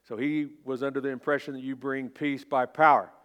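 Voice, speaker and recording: A man's voice: mid-range voice, level tone, a little fast, a bit bright. Folksy Oklahoma man preaching a sermon. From Oklahoma, United States. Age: 50s. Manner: folksy, informal, self-deprecating. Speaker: pastor.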